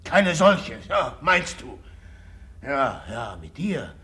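An actor with a mid-range, breathy-edged voice plays a jealous, tormented young man in a 1950s German radio drama. His heavily acted delivery is slow, sharp and full of big pitch swings, shifting from whispered, brooding bitterness to sudden agitated outbursts.

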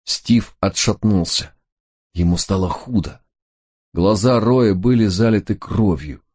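A man reads a noir crime audiobook in a very deep, husky voice. His delivery is measured and steady, scripted narration throughout.

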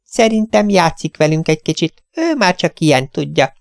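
A man voicing a cheerful, tiny elderly lady who dotes on her cat, in a gushing, sing-song falsetto. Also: expressive, creaky, no echo, clean studio sound.

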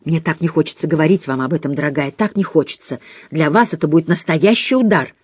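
A woman's voice: deep voice, quick pace, a little mellow, husky, dry recording, studio quality. A woman voicing a fussy, chattering elderly female companion who coos and talks down to her charge, in an audiobook reading. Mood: cooing. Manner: cooing, patronizing, clucking.

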